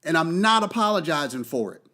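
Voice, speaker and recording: Fiery, high-pitched man on a podcast. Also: sing-song, a little fast, bright, forceful tone. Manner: emphatic, profane, repeats key phrases for force. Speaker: podcast host. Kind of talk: impassioned monologue.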